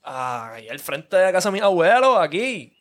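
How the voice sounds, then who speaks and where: A man's voice: sits high, very animated, a little slow, a bit bright. A man with a Puerto Rican accent in casual podcast chat, reflective and searching for words. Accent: Puerto Rican Spanish.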